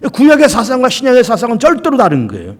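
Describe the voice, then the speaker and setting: A man's voice: very high-pitched, huge pitch swings, fast talker, creaky. A male pastor preaching a sermon, stressing points by repeating them and asking rhetorical questions. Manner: emphatic repetition and rhetorical questions.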